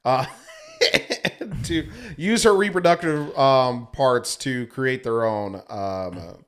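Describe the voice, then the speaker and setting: Brief: male co-host, mid-pitched everyday voice, relaxed, quick short reactions. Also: clear, resonant tone. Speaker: podcast co-host. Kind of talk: casual podcast chat.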